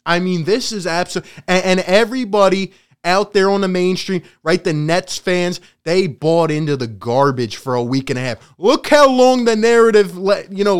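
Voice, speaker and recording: A man with a high, clear voice rants gleefully about sports. He gloats, laughs often and swings between loud jabs and quieter asides. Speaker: sports vlogger. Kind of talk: casual sports rant.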